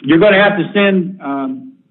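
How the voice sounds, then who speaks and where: A man calling a sheriff's office over the phone, talking in a halting, hesitant and evasive way. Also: on the high side. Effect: heard over a phone line. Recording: tinny, dry phone line.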